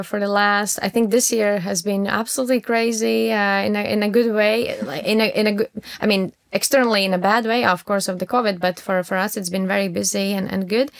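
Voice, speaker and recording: A woman in her thirties from Latvia with a Latvian accent, a startup founder answering interview questions haltingly, with many restarts and fillers. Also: mid-range voice, gravelly, smooth, no echo, clean studio sound. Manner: halting, many repeated words and fillers, laughs often.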